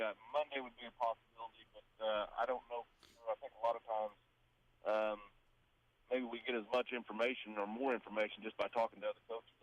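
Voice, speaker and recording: A man, a high school baseball coach, being interviewed and hesitating with many fillers. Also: muffled recording. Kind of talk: phone-in interview.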